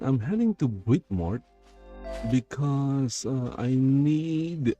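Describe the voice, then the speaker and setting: A man streaming a game through a voice changer, rambling and thinking aloud as he plays. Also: mid-range voice. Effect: voice changer shifting his voice. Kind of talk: casual gameplay commentary. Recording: game music playing clearly behind.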